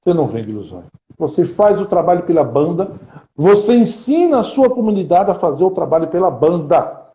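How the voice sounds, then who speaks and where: A man's voice: high voice, big pitch swings, fairly quick, warm tone, roomy sound, poor audio. A man, hosting a live-streamed interview and asking earnest rhetorical questions. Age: 40s. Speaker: interviewer and podcast host.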